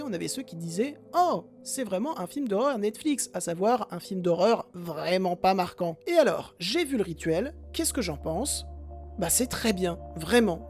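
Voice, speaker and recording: A woman's voice: medium pitch, darkish tone. A woman hosting a casual film review podcast, chatty and talking straight to her listeners with self-mocking asides.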